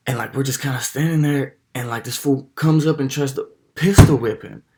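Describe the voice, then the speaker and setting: A young man telling a personal story in a casual, slang-heavy, animated way with lots of swearing. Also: medium pitch, normal speed.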